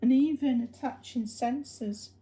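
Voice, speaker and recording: A woman with a mellow voice on the high side presents a hobby project in an informal, unscripted demo. She explains things hesitantly and haltingly.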